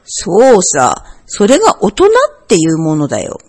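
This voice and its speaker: A woman voicing a proud, easygoing bear father who bluffs a little, in a lowered, self-assured husky tone. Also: big pitch swings, normal speed.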